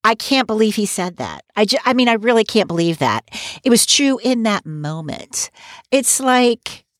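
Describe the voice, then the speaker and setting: A woman's voice: a little high, moderate pace, no echo, clean studio sound. A woman co-hosting a podcast, chatting opinionatedly and laughing as she makes her points. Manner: opinionated, lively, laughs while talking. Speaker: podcast co-host. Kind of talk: casual recap chat.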